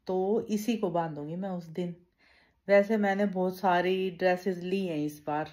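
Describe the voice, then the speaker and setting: Chatty woman vlogger, casual daily talk. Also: a little mellow. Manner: chatty, addresses viewers as bhai; lowers voice to avoid waking someone. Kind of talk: casual daily vlog chat.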